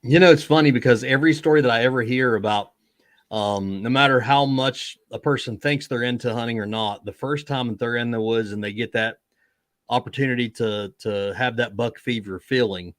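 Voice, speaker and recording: A man in his forties hosts a relaxed conversation, speaking at a middle pitch. He talks in an easygoing way, often stopping to restart his sentences, and the recording is dry. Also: a little fast, no echo. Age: 40s. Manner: easygoing, many fillers and restarts. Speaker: host. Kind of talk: casual chat.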